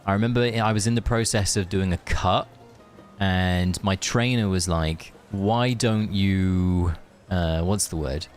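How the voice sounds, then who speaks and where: In this gaming stream clip, a low-voiced man speaks at a measured pace, casually chatting and rambling in friendly asides to the people watching. Music sits behind his voice.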